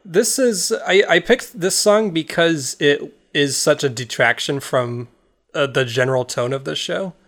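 A man's voice: fairly high pitch, unhurried, a bit bright. Casual rambling male podcast host. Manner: loose, rambling, stumbles and restarts. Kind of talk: casual chat.

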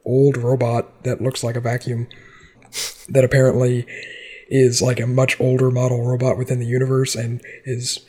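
A man co-hosting a podcast in casual chat, explaining things in quick, chatty bursts. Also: mid-range voice, monotone, darkish tone, husky. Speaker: podcast co-host.

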